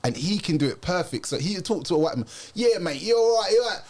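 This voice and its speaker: A man born in Jamaica, hosting a casual chat and telling animated, slang-heavy stories. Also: high voice, quick pace.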